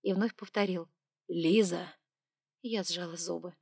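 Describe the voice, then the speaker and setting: A woman reading a first-person romance audiobook in a steady, measured, intimate way. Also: medium pitch, dry recording, studio quality. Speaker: audiobook narrator.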